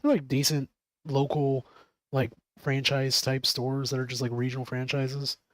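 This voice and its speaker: A man talking casually and at length, drifting from point to point, with frequent swearing and laughter. He sits close to a dry mic with no room sound. His pitch is mid-range for a man. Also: flat delivery, normal speed, no room sound, low-quality recording. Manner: rambling, swears a lot, laughs often. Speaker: streamer. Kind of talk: casual chat.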